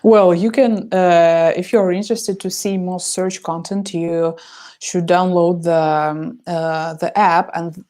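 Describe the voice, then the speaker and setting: Low, mellow-voiced woman full of fillers. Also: fairly even intonation. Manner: halting, many fillers and restarts. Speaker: podcast app business developer. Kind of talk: interview answers.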